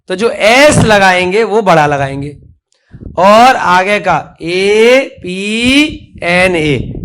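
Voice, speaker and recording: A man's voice: high voice, fairly bright tone. A male teacher giving a classroom spelling lesson, who spells words letter by letter and has the children repeat after him.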